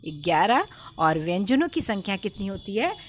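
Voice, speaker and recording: A woman teaching a Hindi lesson to young children in a video. She speaks patiently, repeats words slowly and stresses each sound. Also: medium pitch, big pitch swings.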